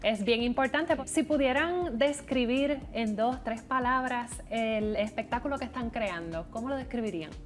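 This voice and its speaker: A woman's voice: on the high side, normal speed, hardly any pauses, faint music behind. A woman, a TV host asking guests questions and affirming their answers. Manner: warm affirming interjections. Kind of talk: TV interview. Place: TV studio set.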